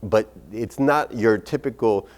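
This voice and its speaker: A man's voice: fairly low pitch, measured pace. A man who is a doctor recommending medical cannabis, telling patient stories in a candid way with casual swearing. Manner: candid storytelling with casual profanity. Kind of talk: expo talk with patient stories.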